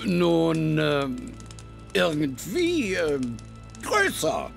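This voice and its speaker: An actor playing an excitable monastery figure who speaks in a dramatic, awestruck way with a gravelly voice. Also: male voice, on the high side, extremely slow, full character voice. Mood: awed. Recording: game audio with faint music.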